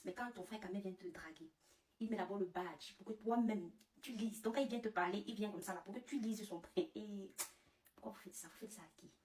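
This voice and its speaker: A woman telling a comic story as a vlogger, animated and laughing at her own tale. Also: medium pitch, fairly quick, far from the mic, slight background noise. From Cameroon. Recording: roomy, away from the mic.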